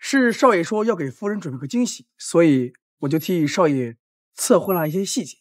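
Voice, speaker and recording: An actor playing a flustered young assistant, deferential and placating, in a short drama. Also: male voice, fairly high pitch, lively intonation, fairly quick, no echo, clean studio sound. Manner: hesitant, placating. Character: flustered, deferential male assistant to a rich household. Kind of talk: short romantic drama acting.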